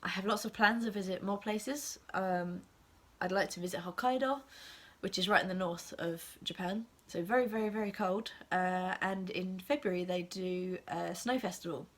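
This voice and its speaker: A young woman with an English accent, sick with a cold, chatting casually to camera with many ums and soft half-whispered asides. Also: lowish voice, moderate pace. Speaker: assistant language teacher and vlogger.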